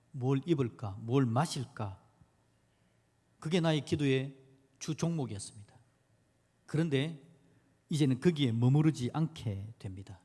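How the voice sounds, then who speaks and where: A male pastor preaching a sermon, animated, shifting between loud exclamations and quiet low asides. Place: church sanctuary. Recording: long church hall reverb.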